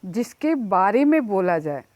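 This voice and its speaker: A woman's voice: mid-range voice, big pitch swings, a little mellow, no echo. A woman teacher giving a children's Sanskrit lesson, repeating words and their meanings one by one for the class to copy. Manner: slow repeated word-by-word pronunciation drills.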